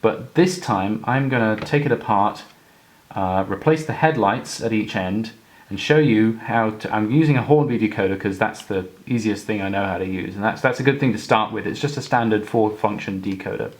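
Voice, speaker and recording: Young man, lowish voice, unhurried hobby tutorial host. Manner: relaxed, explanatory with frequent fillers and restarts. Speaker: model railway hobbyist tutor. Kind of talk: casual demonstration tutorial.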